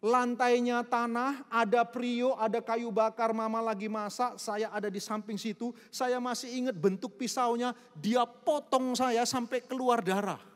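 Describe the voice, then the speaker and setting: A middle-aged male pastor preaching a sermon, firing rhetorical questions and building to loud, emphatic peaks. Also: very high voice, steady tone, unhurried, hardly any pauses, long reverb tail. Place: church hall.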